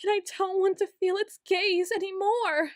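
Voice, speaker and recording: A woman's voice: very high-pitched, steady tone, normal speed, dry recording, studio quality. A woman playing a paranoid, obsessive young yandere student in an ASMR role-play, stammering, pleading and accusing as she repeats her words insistently. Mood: fearful, pleading. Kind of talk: ASMR role-play monologue, acted straight to the listener.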